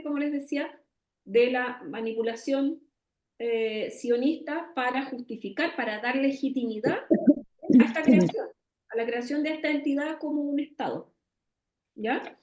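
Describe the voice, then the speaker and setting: Chilean woman talking in an interview, high voice, roomy echo, earnest, keeps checking in. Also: darkish tone. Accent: Chilean Spanish. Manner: earnest, tag questions, many pauses. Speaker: guest. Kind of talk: conversational interview, explaining.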